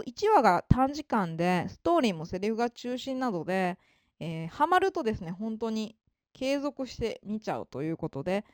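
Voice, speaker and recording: A woman explaining how to learn a language in a relaxed spoken lesson. Her pitch rises and falls a lot as she talks, and she stays polite, with many fillers. The recording is dry and close. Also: no room sound. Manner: polite, with frequent fillers and emphatic ですね. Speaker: English-learning advisor.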